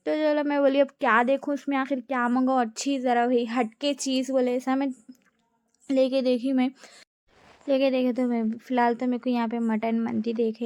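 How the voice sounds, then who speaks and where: A woman's voice: fairly high pitch, darkish tone, dry recording. A young woman narrating her family vlog in a chatty, giggly way. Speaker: family vlogger. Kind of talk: casual vlog voice-over.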